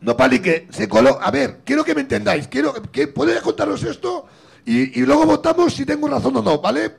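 A middle-aged man from Spain hosting a comedy show, telling a story with a gravelly, husky voice and acting out both sides. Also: very high voice, very animated, fairly quick. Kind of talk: stand-up style storytelling.

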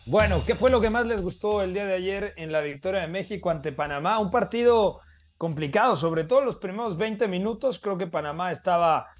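Male sports show host, slightly high voice, conversational analysis over faint music. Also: animated, a little fast. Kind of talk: conversational football discussion.

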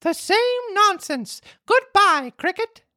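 A podcast reader voicing a naive, stubborn wooden puppet boy in a storybook reading, pitched high with drawn-out pleading. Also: big pitch swings, sharp tone, no echo, clean studio sound, heavily acted.

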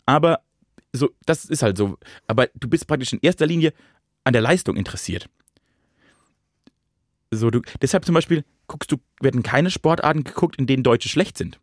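A man's voice: mid-range voice, no echo, studio quality. A man co-hosting a podcast in a casual chat, reasoning things out at length with restarts. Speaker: podcast co-host.

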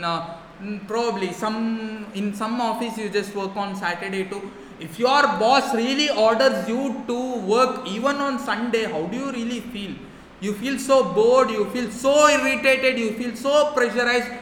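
A man's voice: high voice, a bit bright. A man hosting a motivational podcast monologue, speaking earnestly and emphatically and repeating his key phrases. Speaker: podcast host. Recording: echoey reverberant room, faint noise.

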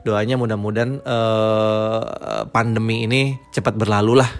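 A man's voice: fairly low pitch, little pitch movement, normal speed, soft background music. A man, a father, talking in an easygoing, teasing way in a casual family chat.

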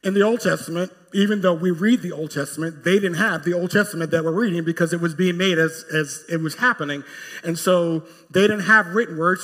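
A pastor with a bright, ringing voice, set a little high for a man, preaches in an emphatic way. His voice climbs to forceful peaks as he retells scripture. A long reverb from a church sanctuary hangs on every line. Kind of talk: sermon.

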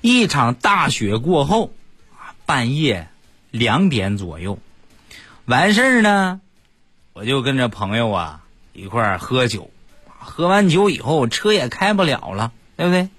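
Husky comedian. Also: male voice, medium pitch, sing-song, a little slow, fairly bright tone, no room sound. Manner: chatty, self-mocking, addresses the audience. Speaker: stand-up comedian. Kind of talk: stand-up comedy storytelling.

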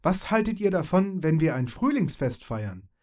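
A man's voice: on the high side, sing-song, moderate pace, darkish tone, voice pushed up. A cheerful summer fairy from a storybook who loves to joke, put on by a man. Her voice sits well above a plain male reading voice. She talks in a bubbly, eager way. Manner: bubbly, teasing.

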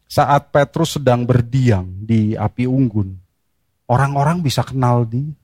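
A man preaching a sermon, reading scripture and pressing his points with rhetorical questions and sharp emphasis. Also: mid-range voice, a little slow, no room sound, studio quality.

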